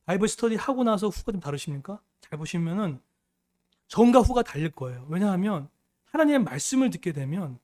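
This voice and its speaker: A man's voice: sits high, sing-song, fairly quick, a little mellow. A middle-aged male pastor preaching a sermon, emphatic, often putting questions to the congregation.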